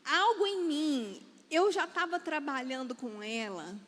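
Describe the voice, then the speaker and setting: A woman with a Brazilian accent preaching in church, telling a personal story with lively acted-out quotes. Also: sits high, measured pace. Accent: Brazilian Portuguese. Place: church hall. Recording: long church hall reverb.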